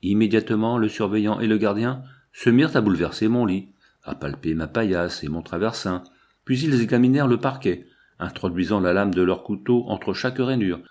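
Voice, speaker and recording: A man reads a first-person novel aloud in a measured, expressive way. His voice sits on the low side. The delivery is steady literary narration. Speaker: audiobook narrator.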